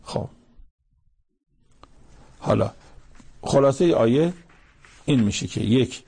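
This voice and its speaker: Gravelly, husky male preacher. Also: mid-range voice. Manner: explains verses line by line, animated when acting out quotes. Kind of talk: sermon on Quranic verses.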